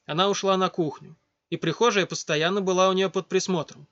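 A man reading a story aloud in a steady, scripted narration. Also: sits high, fairly quick. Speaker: audiobook narrator. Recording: dull lo-fi dry recording.

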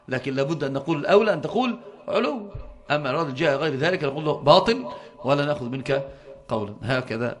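Fast-talking Egyptian religious teacher. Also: male voice, a little high. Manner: fervent, often stalls on repeated syllables. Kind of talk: explaining a religious book to students.

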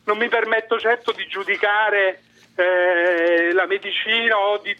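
A man's voice: high voice, fairly even intonation, unhurried, muffled recording. A man who works as a DJ, interviewed on the radio over the phone. He speaks earnestly and keeps restarting his sentences. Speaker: radio guest, DJ.

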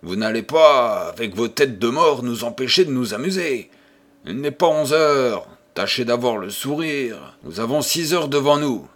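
A man's voice: mid-range voice, animated, a little slow, fairly bright tone. A man doing a flippant gambler. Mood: breezy.

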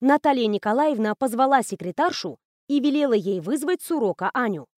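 A woman narrating a novel as an audiobook, in a brisk, ironic storytelling manner on a close mic. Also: fairly high pitch, animated, a little mellow, dry recording.

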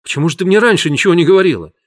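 A man's voice: mid-range voice, expressive, moderate pace, a bit bright, lightly acted. A man voicing a stern but tender father in an audiobook reading. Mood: strained. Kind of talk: audiobook character voice.

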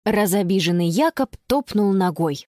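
A woman narrating a children's audiobook with expressive storytelling. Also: mid-range voice, moderate pace, no echo, studio quality. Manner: expressive storytelling, bright voice for the girl. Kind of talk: scripted narration.

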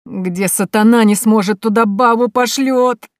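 A woman narrator puts on a drunken middle-aged uncle from a storybook, raging and bellowing threats, his voice pushed high and loud. The read is close and dry, with no room around it. He hurls insults without pause. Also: dry recording, natural voice. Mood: wailing. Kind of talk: audiobook character voice.

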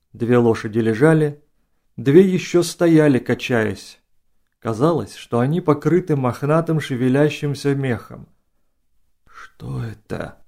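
Male audiobook narrator, gravelly and mellow, steady storytelling. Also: medium pitch.

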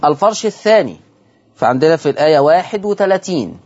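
A man with an Egyptian Arabic accent hosting a televised lesson on Quran recitation. He slowly chants and repeats example words from the verses. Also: on the high side, big pitch swings, a little mellow, highs cut off. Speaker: host and Quran recitation teacher. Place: television studio.

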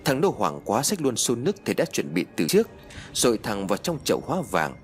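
A man narrating a ghost story audiobook in a dramatic, expressive storytelling manner. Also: medium pitch, a little fast, soft background music.

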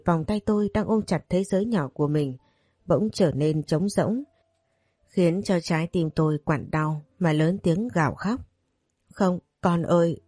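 A woman reading a first-person story aloud, slow and emotional. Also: on the low side, mellow, breathy edge, no room sound, studio quality. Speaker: narrator. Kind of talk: first-person audiobook narration.

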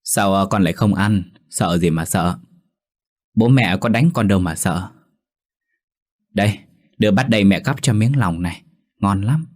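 Bossy village mum, low voice, played by the male narrator. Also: moderate pace, pauses often, a little mellow, lightly acted. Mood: coaxing. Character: middle-aged village mother, short-tempered.

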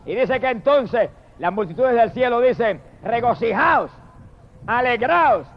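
Puerto Rican evangelist, man, high voice, dramatic shouts and hushed prayers, lo-fi tape. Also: animated. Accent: Puerto Rican Spanish. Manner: dramatic, shouting drawn-out hallelujahs, then murmured prayers. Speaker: evangelist preacher. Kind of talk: fiery sermon. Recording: dull lo-fi sermon recording.

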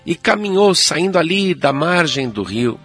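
A man telling a children's story with dramatic, expressive delivery. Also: on the high side, unhurried. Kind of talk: storytelling narration. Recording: loud music and rain behind.

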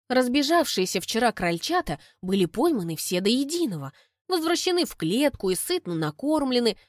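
A woman narrating a first-person audiobook in a lively, ironic storytelling manner, recorded on a close studio mic. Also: medium pitch, no echo.

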